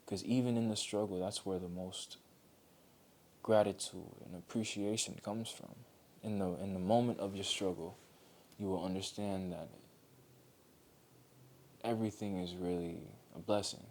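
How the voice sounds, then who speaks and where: Earnest, low-voiced man giving encouragement. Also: steady tone, normal speed, long pauses. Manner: earnest, gentle, repeats himself for emphasis. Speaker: motivational speaker. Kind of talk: heartfelt motivational monologue.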